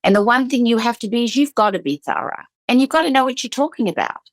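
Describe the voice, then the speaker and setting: A woman esthetician hosts a podcast, speaking fast in a slightly high, expressive voice. She's emphatic and fired-up, repeating words when stressing a point, and the recording has no echo.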